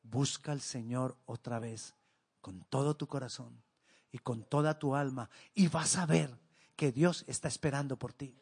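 A man preaching a sermon, reading scripture and pleading earnestly, often dropping to a soft, hushed voice. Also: medium pitch, fairly even intonation, measured pace, creaky, husky.

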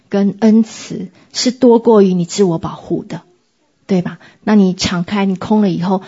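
A woman sharing a personal faith testimony in an earnest, reflective way, with many pauses and hesitations. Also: medium pitch, mellow, breathy edge, muffled recording. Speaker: church member sharing testimony.

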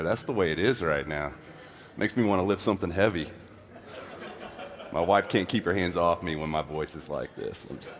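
A man preaching a sermon as pastor, his voice hoarse and sick, talking in a conversational, self-deprecating way. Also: on the low side, big-room sound.

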